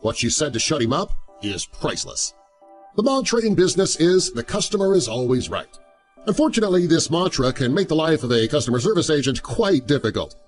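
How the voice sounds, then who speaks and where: A man reading a scripted story as a narrator, in an animated storytelling manner. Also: a little high, brisk. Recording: music under the voice. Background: background music.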